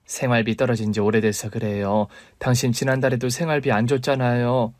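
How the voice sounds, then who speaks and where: A man's voice: mid-range voice, flat delivery, fairly quick, darkish tone, no room sound, natural voice. A man voicing a struggling young mother in a story radio drama, pleading and reproachful toward her husband.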